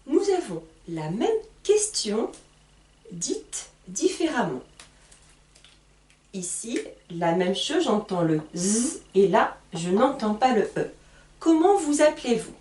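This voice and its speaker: A woman teaching a beginner lesson, speaking slowly and deliberately and spelling out sounds. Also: medium pitch, sing-song, darkish tone, a little hiss or hum. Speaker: French teacher. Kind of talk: slow beginner French lesson at a whiteboard. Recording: echoey room, voice from far off.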